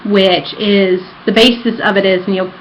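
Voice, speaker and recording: Here a vlogger talks casually at a normal pace, her mid-range voice showing little pitch movement even as fangirl giddiness comes through. It's a rambling personal vlog recorded in her apartment room. The sound is dull and lo-fi, with background noise present.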